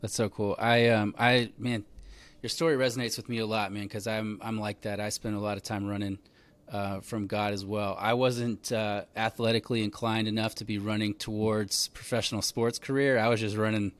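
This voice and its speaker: An easygoing man in his 30s hosts a podcast, telling relaxed stories in a rather low voice at a moderate pace. The talk is a casual conversational interview, rambling and chatty and packed with fillers like "like" and "man."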